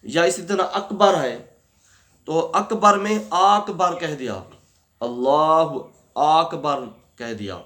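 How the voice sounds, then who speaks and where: Man teaching prayer rules, fairly high voice. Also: lively intonation, fairly bright tone. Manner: repeats points, asks and answers his own questions; draws out words slowly to demonstrate pronunciation. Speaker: religious teacher. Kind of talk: Islamic lesson on prayer rules.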